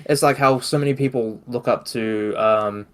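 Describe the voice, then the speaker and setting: A man's voice: medium pitch, moderate pace. A man with a New Zealand accent hosting a casual podcast chat, rambling with many fillers and restarts. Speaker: podcast host.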